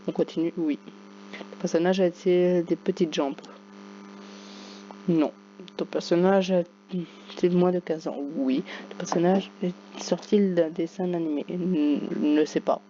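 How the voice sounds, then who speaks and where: A woman commenting casually on a game, reading its questions aloud and joking, with sudden loud outbursts. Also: lowish voice, steady tone, measured pace, pauses often. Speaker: gaming YouTuber. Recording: dull lo-fi recording with faint hum.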